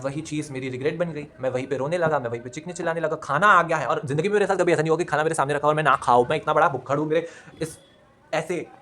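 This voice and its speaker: A man's voice: medium pitch, a bit bright. A young man chatting casually at home, telling a personal story and mixing English phrases into his talk.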